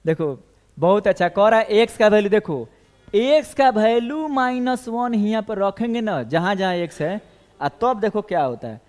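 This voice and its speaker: A man's voice: sits high, expressive, normal speed, a little mellow. A man teaching a math class, working through equations step by step and putting questions to his students. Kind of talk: classroom lecture.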